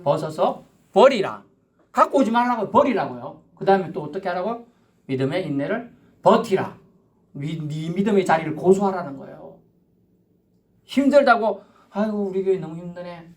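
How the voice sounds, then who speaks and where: Animated pastor. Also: male voice, high-pitched, normal speed, long pauses. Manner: conversational, animated, with acted-out asides. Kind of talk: Sunday sermon.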